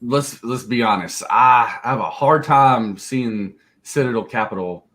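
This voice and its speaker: A man's voice: mid-range voice, a little slow, a bit bright. A man co-hosting a live stock market show, casual and jokey, laughing easily and speaking bluntly with some swearing. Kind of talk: casual livestream market chat.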